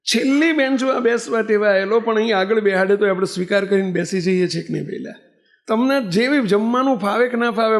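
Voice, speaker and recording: An older swami preaches in a high, gravelly voice. He tells his story to a temple congregation. He keeps asking them rhetorical questions. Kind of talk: Gujarati religious discourse. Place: temple assembly hall.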